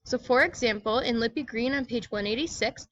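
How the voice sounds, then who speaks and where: A woman's voice: fairly high pitch, a little fast, no echo, dull audio. A woman giving a scripted educational presentation, reading aloud in a plain, explanatory manner.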